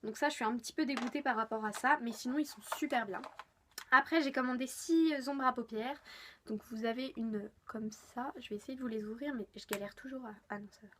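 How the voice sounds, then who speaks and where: A woman's voice: a little high, a little fast, slight background noise. An eighteen-year-old woman from France chatting casually through a makeup haul, gushing with lots of fillers. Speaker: beauty vlogger. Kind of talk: casual haul video chat.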